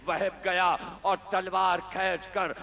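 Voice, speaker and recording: A man's voice: sits high, flat delivery, bright, forceful tone. A male preacher narrating a majlis sermon with dramatic, impassioned storytelling in a gathering hall. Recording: echoey hall reverb.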